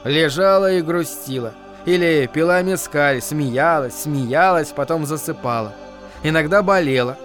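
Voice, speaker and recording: A male audiobook narrator reads a literary novel in short, measured phrases. His voice sits slightly high for a man. Soft music plays faintly behind him. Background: faint background music.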